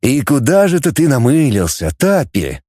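A man voicing a calm male commander with a dry, gently teasing manner. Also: a little high, moderate pace, no room sound. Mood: wry.

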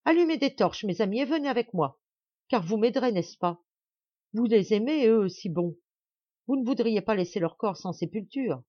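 A woman's voice: mid-range voice, very animated, a little fast, dry recording, muffled recording. A woman reader voicing a distraught middle-aged noblewoman with frantic, pleading cries.

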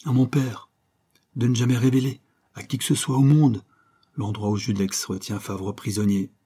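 A man's voice: mid-range voice, level tone, normal speed, mellow, breathy edge, close to an everyday voice. A man reading an audiobook, voicing a torn, weak-willed male accomplice who speaks tensely and pleads. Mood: firm.

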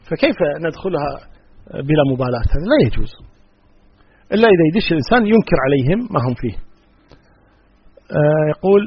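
A man's voice: fairly high pitch, slightly rough, dry recording, dull audio. A man, an Islamic scholar who reads out listeners' questions and answers them firmly and plainly. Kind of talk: religious question-and-answer session.

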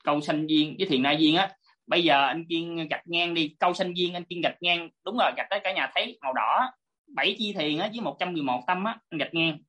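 A woman's voice: on the low side, brisk, fairly bright tone. A woman teaching an online class over a video call, politely explaining step by step and repeating her points.

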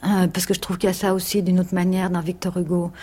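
Actress reminiscing in an interview, hesitant, halting, lower-pitched woman. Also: little pitch movement, warm tone, breathy edge. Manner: hesitant, searching for words, many fillers. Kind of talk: reflective interview talk.

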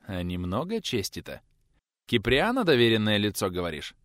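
A man voicing a gruff, sarcastic older male teacher who scolds bluntly. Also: fairly low pitch, wildly swooping pitch, normal speed, fairly bright tone, no room sound, clean studio sound. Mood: gruff scolding.

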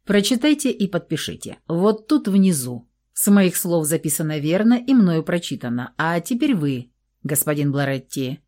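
A woman's voice: lowish voice, very animated, normal speed, warm tone. A woman reading aloud and voicing a formal, businesslike male police investigator.

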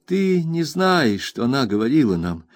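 Guy doing a weepy young woman begging for forgiveness, pitched way up, dry sound. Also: big pitch swings, normal speed, no room sound, lightly acted. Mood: sobbing plea. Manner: sobbing, high-strung pleading. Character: young woman, tearful, remorseful, pleading.

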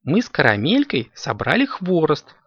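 A man voicing a calm, caring mother cat who explains things gently, on a dull lo-fi recording. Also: on the high side, normal speed, breathy edge, no room sound, pitched above the performer's own voice, full character voice. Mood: gentle.

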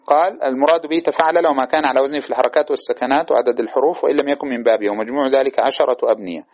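A man teaching a classical grammar lesson, reciting verse lines and repeating examples slowly to his students. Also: mid-range voice. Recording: dull lo-fi recording.

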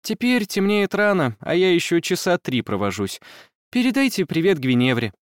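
A male audiobook narrator voicing a kind young woman schoolteacher who teases gently and talks briskly, in a lifted voice. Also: sits high, big pitch swings, clear, resonant tone, dry recording, studio quality, pitched above the performer's own voice. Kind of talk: audiobook character voice.

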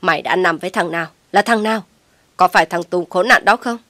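A woman voicing an enraged middle-aged mother who shouts and scolds harshly, in a dry, close recording. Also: lowish voice, a little fast, no echo, lightly acted. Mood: furious.

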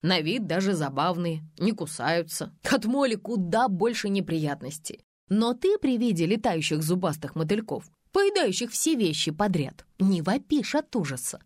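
A mocking male friend, read by a woman, teases with a lively, bouncing voice. The reading is dry and close to the mic. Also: on the low side, normal speed, no room sound. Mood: teasing. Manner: teasing and mocking.

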